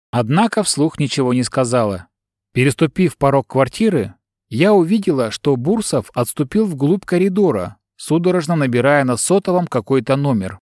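Male audiobook narrator, mid-pitched, steady reading, dry studio voice. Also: no echo. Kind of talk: scripted narration.

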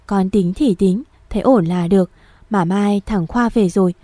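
Storybook: a woman reading a weak, mumbling elderly mother, mellow, dry. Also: medium pitch, normal speed, no room sound, lightly acted. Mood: weary. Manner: mumbling, slurred.

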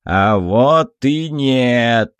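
A man voicing a grumpy giant rolling head who sets riddles, speaking slowly and drawn out. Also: lively intonation, smooth, no echo. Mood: gloating. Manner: slow drawn-out booming taunts.

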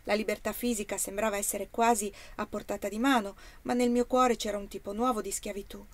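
A woman narrates a first-person story as an audiobook reader. Her reading is expressive and emotional, with a medium-pitched voice. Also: fairly quick.

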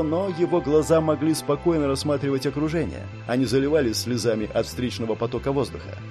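A man narrating a fantasy audiobook in a measured, dramatic reading at a middling pitch. Faint music plays softly underneath.

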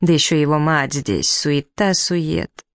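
A man voicing a hot-tempered elderly male professor who shouts and rants in fury, read from a storybook. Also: fairly high pitch, steady tone, slow pace, clean tone, no room sound, studio quality. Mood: exasperated. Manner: shouting, furious, exasperated.

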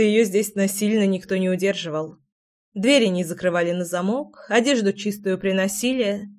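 A woman narrating a fantasy audiobook in a steady, even storytelling voice. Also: medium pitch.

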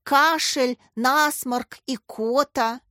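A woman's voice: sits high, drawn-out words, sharp tone, no echo, studio quality, voice pushed up, exaggerated voice. A woman voicing a cheeky prankster schoolboy who talks eagerly and playfully, drawing out his boasts. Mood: excited mischief.

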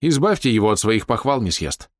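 Man voicing a pushy young gent, sharp and quick, pitched up, dry close sound. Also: very animated, no echo. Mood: heated. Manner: sharp, pressing, hurried. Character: blunt young gentleman accuser, insistent.

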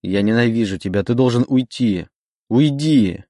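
A man voicing a grief-stricken young man who shouts in anguish at the demon inside him, in an audiobook reading. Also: fairly low pitch, normal speed, dry recording, studio quality, lightly acted. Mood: furious. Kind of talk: audiobook character voice.

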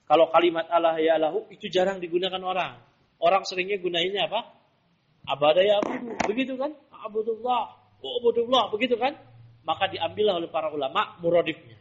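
A man's voice: high voice, brisk, slightly rough. A man teaching a religious class, quizzing his students with rhetorical questions. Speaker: Islamic teacher. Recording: dull lo-fi lesson recording.

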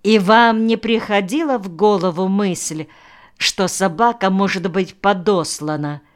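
A woman's voice: mid-range voice, a little slow, lightly acted. A woman reading the lines of a fussy, suspicious male village official who keeps pressing his point. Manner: insistent, officious.

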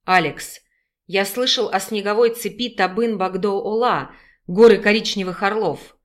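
A man's voice: high-pitched, a little slow, a bit bright. A woman doing a sullen, mocking werewolf man. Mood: sardonic. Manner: hissing through teeth, mocking. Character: sullen male werewolf wolf, mocking and cold.

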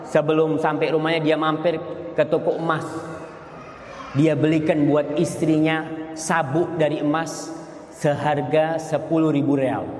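Man, preacher, sermon, animated storytelling, slightly high voice, echoey hall, long reverb. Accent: Indonesian. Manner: lively storytelling, acts out quoted voices. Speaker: Islamic preacher. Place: large hall with congregation. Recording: echoey hall, faint background noise.

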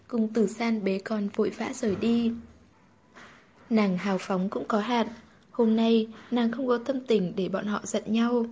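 Mellow, softly husky woman narrating a story. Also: medium pitch. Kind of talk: storybook narration of a historical novel.

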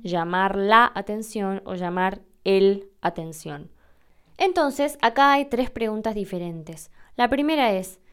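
Argentine woman podcast host, smooth resonant voice, patient step-by-step teacher. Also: medium pitch. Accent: Argentine Spanish. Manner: clear, patient, explains step by step. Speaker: podcast host answering listener questions. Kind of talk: explanatory language lesson.

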